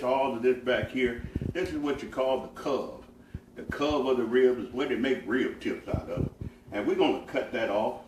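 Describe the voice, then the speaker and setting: A man giving a casual cooking demonstration as a pitmaster, talking in a folksy, homespun way with plenty of fillers. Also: medium pitch. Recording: echoey room, mic at a distance, faint noise.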